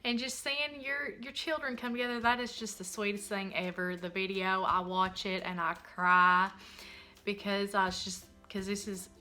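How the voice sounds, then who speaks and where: A woman's voice: mid-range voice, little pitch movement, normal speed, sharp tone, soft background music. A young woman, a mom vlogger, talking in a casual, earnest and heartfelt way while answering questions. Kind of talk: casual Q&A vlog talk.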